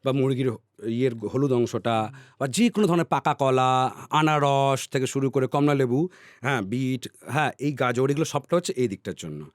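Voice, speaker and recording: A man's voice: medium pitch, moderate pace, no room sound, studio quality. Teacherly man explaining at length. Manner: teacherly, checks in with "all right?" often; repeats words, trails off softly. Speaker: podcast guest. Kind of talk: explanatory podcast talk.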